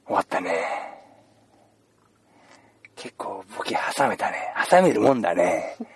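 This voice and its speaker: A man's voice: fairly low pitch, big pitch swings, measured pace, slightly rough. Sheepish self-amused man. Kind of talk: casual aside.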